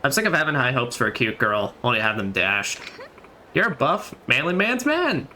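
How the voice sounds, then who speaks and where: A man voicing a heartbroken young woman who speaks softly and hesitantly in a raised voice. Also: medium pitch, sing-song, normal speed, slight background noise. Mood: frustrated. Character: heartbroken young woman, shy and self-critical.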